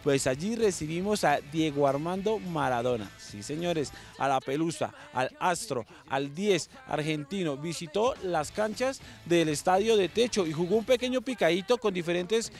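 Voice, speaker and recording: A man's voice: fairly high pitch, normal speed, few pauses, soft background music. A young man, a sports reporter, presenting an upbeat segment outdoors with a handheld mic. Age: young adult. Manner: upbeat, enthusiastic presenter delivery.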